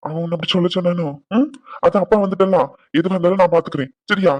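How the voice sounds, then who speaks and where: A man's voice: high voice, steady tone, very fast, a little mellow, no echo, highs cut off. A man playing a protective cartoon father. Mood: soothing. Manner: soothing to his daughter, scolding the husband. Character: protective older father, fierce toward his son-in-law.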